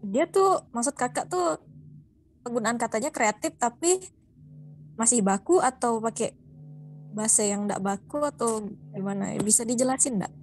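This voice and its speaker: A woman's voice: fairly high pitch, normal speed, long pauses, a little hiss or hum. A young woman from Indonesia asking a mentor questions in an online class, hesitant and polite. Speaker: student participant. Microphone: video call.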